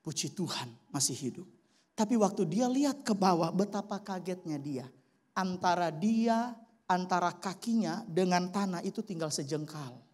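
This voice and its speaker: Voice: mid-range voice, expressive, moderate pace, a little mellow. A pastor preaching a sermon and telling a story with animation, often addressing the congregation directly. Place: church service.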